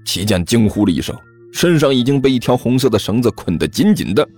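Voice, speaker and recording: Guy reading a serial story out loud, really expressive, voice goes up and down a lot, soft music behind. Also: mid-range voice, a little fast. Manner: expressive, lively storytelling delivery. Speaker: narrator. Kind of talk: serialized audiobook narration.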